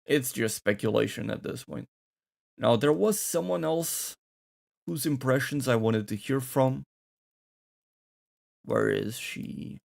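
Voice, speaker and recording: A man's voice: medium pitch, a little slow, creaky, a little mellow. A man hosting a gaming channel, thinking aloud and rambling through casual reaction commentary.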